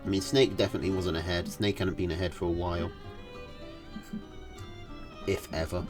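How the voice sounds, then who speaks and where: A man's voice: sits low, fairly even intonation, normal speed, music in the background. A man casting a live strategy game tournament, casual and analytical, thinking aloud with fillers. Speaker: tournament caster.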